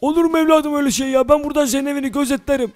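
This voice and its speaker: A man's voice: very high voice, rapid-fire, faint music behind, pitched above the performer's own voice. A man voicing a kindly older male shopkeeper who calls the young hero "son" in a fatherly way. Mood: fatherly worried.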